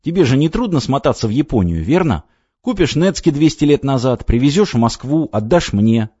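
A man reading an audiobook voices an irritable middle-aged businessman, gruff and exasperated. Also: mid-range voice, big pitch swings, a little fast, mellow, no room sound, voice pushed up. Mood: sarcastic. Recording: dry, slightly dull audiobook recording.

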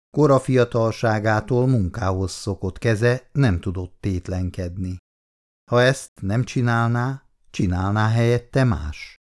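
A man's voice: lowish voice, darkish tone. A man reading a novel aloud as narrator, telling the story expressively.

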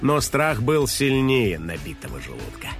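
A man narrating a children's story in a lively, playful way. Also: mid-range voice, moderate pace, gravelly, faint music behind.

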